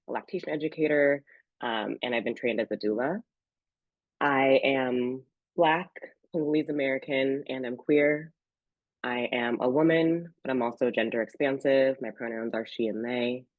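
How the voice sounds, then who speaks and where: A woman's voice: extremely low pitch, no room sound. Earnest woman getting over a cold. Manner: gentle, earnest, many ums. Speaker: psychologist giving a workshop talk. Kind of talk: online workshop talk. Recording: dry, dull lo-fi sound.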